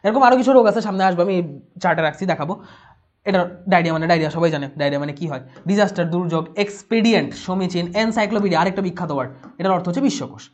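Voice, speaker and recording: A young woman teaching an online exam-prep lesson, explaining quickly, repeating key words and spelling them out. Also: lowish voice, lively intonation, darkish tone.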